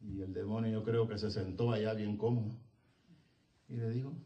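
A man preaching a fervent sermon in a church, breaking into shouts and punctuating his words with hallelujahs. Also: lowish voice, steady tone, moderate pace, highs cut off. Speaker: pastor. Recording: roomy sound from a distant mic.

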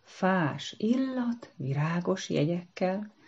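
A vain, refined little hummingbird holds forth in a pompous, condescending storybook voice, put on by a woman reading aloud. The tone sits low and mellow. The recording sounds dull and lo-fi. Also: lively intonation, husky. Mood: lofty.

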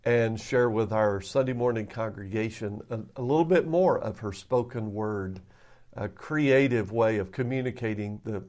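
A man's voice: lowish voice, normal speed, a little mellow. A man speaking as a pastor on a podcast, answering conversationally into his own microphone. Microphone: own separate microphone.

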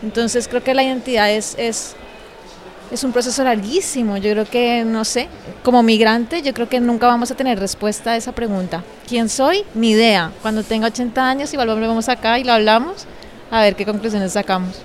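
A woman's voice: fairly high pitch, fairly even intonation. Reflective Colombian woman, Bogotá accent. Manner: reflective, measured, tag questions "¿no?". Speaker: actress and guest. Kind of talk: reflective conversation.

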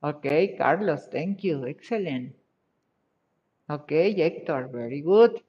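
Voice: medium pitch, expressive. An English teacher going over exercise answers with a class, praising each answer and switching between English and Spanish. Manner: encouraging, checks answers with short praise; slow, deliberate delivery. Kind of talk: live class exercise review. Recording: dull lo-fi audio.

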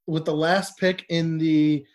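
A man's voice: a little high, level tone, slow pace. A man co-hosting a podcast in casual comedic banter, opinionated and teasing. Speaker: podcast co-host.

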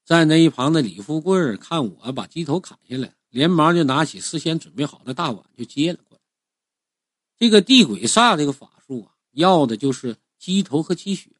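A man telling a first-person story in a conversational, animated way, drawing out the ends of his phrases. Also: a little high, a little fast, no room sound, studio quality.

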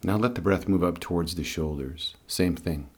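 A male meditation guide speaks in an extremely deep, husky voice. He gives calm, soothing instruction at an unhurried pace, as a teacher of guided meditation and breathing.

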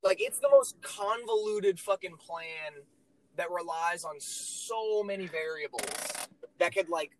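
A man's voice: high voice, sing-song, unhurried, slight background noise, rough recording. A young man co-hosting a casual podcast, ranting with run-on sentences and profanity while walking through his home. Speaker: podcast co-host.

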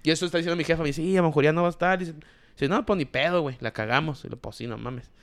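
A man's voice: on the high side, rapid-fire. A man with a northern Mexican border accent telling anecdotes casually among friends, in slangy, heavily profane talk.

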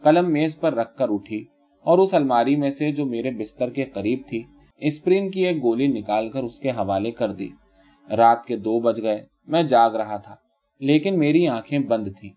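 A man narrates a literary story in a calm, measured way, his voice mellow and warm. The recording is slightly dull, as if muffled. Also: mid-range voice.

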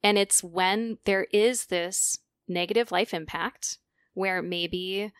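A woman's voice: mid-range voice, steady tone, slow pace, clean tone, dry recording, studio quality. Emphatic woman speech therapist guest. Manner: emphatic, passionate, with frequent restarts. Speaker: speech-language pathologist guest. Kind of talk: podcast interview.

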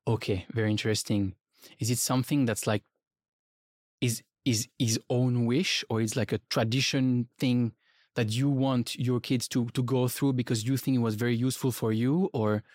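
A man's voice: medium pitch, fairly even intonation, normal speed, a little mellow, no echo, clean studio sound. A man hosting a podcast interview, talking eagerly and speeding up in bursts when he retells a story. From Switzerland. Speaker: podcast host. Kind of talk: interview conversation. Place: podcast studio.

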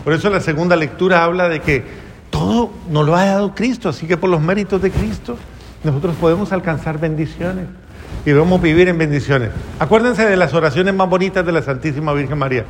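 A priest preaches a homily, his voice sitting somewhat high for a man. He talks to the congregation like a conversation, tossing them questions and dropping into a softer, lower voice to act out prayers. A long church reverb trails every phrase, over a faint room hum. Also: fairly quick. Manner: acts out prayers in a soft lower voice.

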